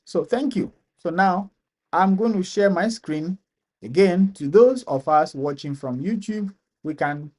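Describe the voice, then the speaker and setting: A man's voice: sits high, darkish tone. A man with a Ghanaian accent hosting a live-stream question and answer session, reading viewers' comments aloud and answering them, often repeating his phrases.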